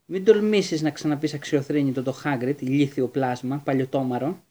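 A man's voice: mid-range voice, dark tone, close to an everyday voice. A man voicing an indignant, tearful schoolgirl witch in a storybook reading, with emphatic delivery. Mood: furious.

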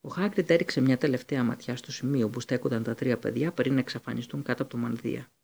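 Male audiobook reader, gravelly, husky tone, steady storybook reading. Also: medium pitch. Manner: steady reading, occasional slips and restarts. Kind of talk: storybook narration.

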